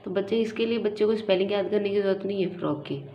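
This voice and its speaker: A woman teacher explaining to parents how to teach a child spelling, slowly sounding words out letter by letter. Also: mid-range voice, warm tone. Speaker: teacher and channel host. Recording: muffled, echoey room with faint hiss.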